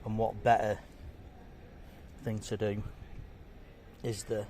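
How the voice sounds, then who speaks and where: A man's voice: on the low side, level tone, takes it slowly, dark tone, slight background noise. A man reviews fish and chips to camera in a chatty, jokey way, chewing and talking between bites. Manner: chatty, jokey, talks while eating. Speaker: food vlogger. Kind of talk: casual food review to camera.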